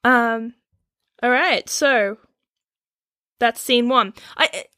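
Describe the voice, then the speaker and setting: Bright, playful woman co-host. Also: on the high side. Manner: playful, quick to laugh. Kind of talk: casual comedic chat.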